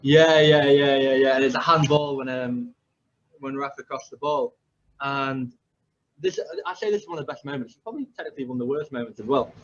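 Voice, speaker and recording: This football coach in his 20s hosts a laid-back podcast, speaking a little fast in a mid-range voice. His storytelling rambles, full of fillers and restarts, and the recording sounds slightly muffled.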